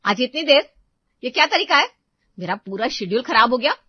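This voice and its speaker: A woman's voice: fairly high pitch, lively intonation, normal speed, dry recording, voice pushed up. A woman voicing an angry young housewife who scolds and sneers in a harsh, sarcastic tone, for a cartoon story. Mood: scolding. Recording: dull lo-fi voice track.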